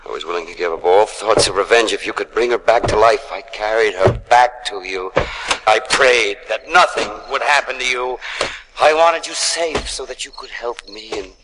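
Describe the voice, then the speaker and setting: A man performing a dramatic monologue as an anguished, lonely male monster, moving between hushed whispers and desperate shouts. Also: on the low side, moderate pace, natural voice. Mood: remorseful. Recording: noisy recording with clicks.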